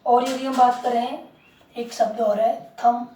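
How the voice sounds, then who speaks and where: An English teacher speaks slowly in a slightly high yet soft, mellow voice with a steady tone, repeatedly asking the class questions and repeating words and answers. She is picked up by a distant mic in an echoey room.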